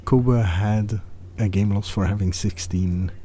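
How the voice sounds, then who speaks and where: A man co-commentating live on a card game, calmly running through card lists. His voice is very low and dark, with faint ambience in the room. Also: unhurried, a little hiss or hum. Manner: relaxed, listing cards methodically.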